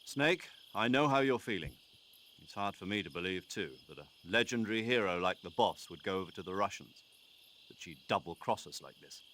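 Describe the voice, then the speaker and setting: An actor playing a stern, earnest military commander in a video game, speaking firmly and with authority. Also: male voice, deep voice, lively intonation, brisk, fairly bright tone, a little hiss or hum. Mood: firm, urging. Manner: firm, urgent, authoritative.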